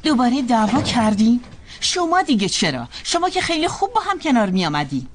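A woman dubbing a motherly figure who asks sharp questions and promises to discipline the niece. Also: fairly high pitch, big pitch swings, a little hiss or hum. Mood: brisk. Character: motherly older woman, firm but caring. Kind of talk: dubbed drama acting.

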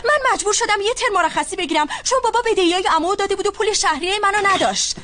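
A young woman dubbing a sharp-tongued niece who talks back to her elders with indignation. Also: extremely high pitch. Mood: defiant. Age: young adult. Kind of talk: dubbed drama acting.

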